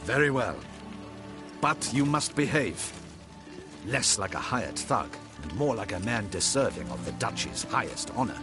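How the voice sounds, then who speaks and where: Game role: a proud guard captain, slow, stiff, very lively in pitch, loud game music behind. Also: male voice. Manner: stiff, commanding and formal.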